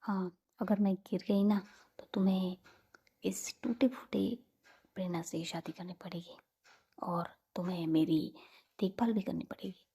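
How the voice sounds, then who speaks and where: A woman's voice: mid-range voice, steady tone, a little slow, long pauses, mellow, slightly rough. A woman storyteller voicing a playful young woman in love, teasing and mock-brave in a story reading.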